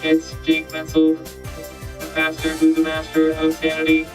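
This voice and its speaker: A monotone robot announcer, its voice run through a robot filter, as a man puts it on. The pitch barely moves at all and the words come slow and drawn out. It sounds like a machine making an introduction. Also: over music. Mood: announcing. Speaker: podcast co-host.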